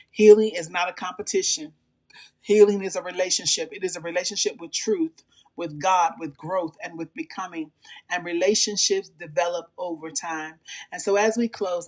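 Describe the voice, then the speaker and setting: This is a devotional speaker with a voice of ordinary middle pitch, neither high nor low. The delivery is measured and affirming, built on repeated encouraging phrases. The speaker addresses the listener directly, as a channel host. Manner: measured, repetitive affirming cadence. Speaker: host of a faith and mental health channel.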